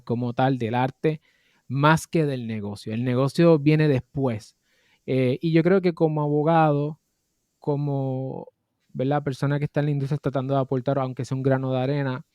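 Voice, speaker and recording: Puerto rican guy in his 30s, mellow dark voice, dry close sound, thinks out loud with lots of eh and pues. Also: medium pitch, clear, resonant tone, no room sound. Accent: Puerto Rican Spanish. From Puerto Rico. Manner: thoughtful, measured, with frequent fillers. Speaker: interview guest, music lawyer and entrepreneur. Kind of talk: reflective conversational interview.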